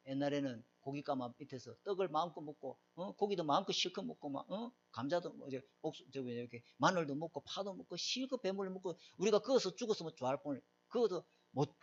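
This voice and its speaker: Emphatic middle-aged male pastor, slightly high voice, dull lo-fi recording. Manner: emphatic, asks the congregation questions. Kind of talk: sermon.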